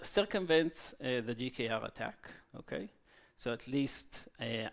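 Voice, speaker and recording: A man giving a technical conference talk, halting with fillers and checking in with "okay?" after each point. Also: medium pitch. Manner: frequent "okay?" tag questions, halting with fillers. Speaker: conference speaker. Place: conference hall.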